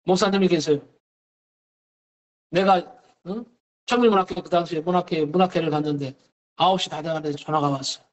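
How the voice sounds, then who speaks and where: A male pastor preaching a Wednesday service sermon, telling a story with lively acted-out dialogue. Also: a little high, a little fast, long pauses, highs cut off. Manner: animated storytelling, acts out dialogue. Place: church sanctuary.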